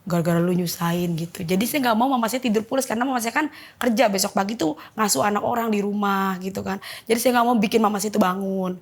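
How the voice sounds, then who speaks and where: A fast-talking woman with a mid-range voice gives an emotional personal testimony as an interview guest. She vividly retells what happened and acts out the dialogue.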